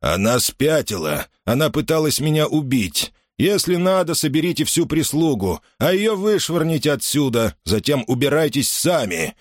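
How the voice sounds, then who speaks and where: A man's voice: on the high side, very animated, moderate pace, few pauses, dry recording, clean studio sound, voice pushed up. Man playing a drunk, oily old bishop. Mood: furious. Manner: coaxing and oily, then blustering. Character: drunk portly older male bishop. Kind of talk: audiobook character reading.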